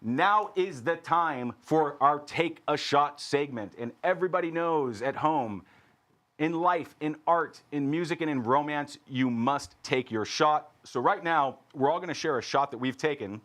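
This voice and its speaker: Guy hosting a silly live show, kinda high voice, jokey deadpan. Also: unhurried. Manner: goofy, deadpan self-aware banter. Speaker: host.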